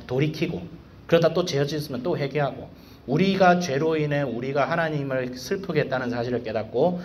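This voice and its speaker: With a voice on the high side, a man preaching as a school evangelist gives students a laid-back devotional talk. He's slangy and lively, firing off rhetorical questions, and there's a little background noise.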